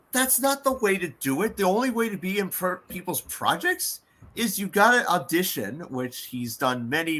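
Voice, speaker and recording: A man's voice: a little high, bright, forceful tone. A man in casual chat, rambling and stammering with lots of repeated words. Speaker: fan voice actor, co-host.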